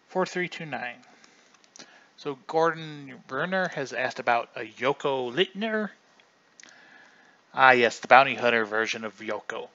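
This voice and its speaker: A man's voice: medium pitch, sharp tone, lo-fi sound. A man hosting a casual livestream, chatty and rambling, often restarting mid-sentence. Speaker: livestream host.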